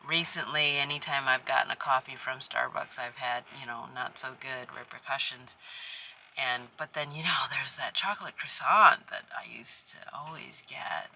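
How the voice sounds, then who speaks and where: A middle-aged woman vlogs casually about her travels, holding a phone camera at arm's length as she moves from inside a minivan to outdoors. Her voice rumbles low at a moderate pace, and she's chatty and excitable, swinging between hushed whispers and loud, excited exclamations.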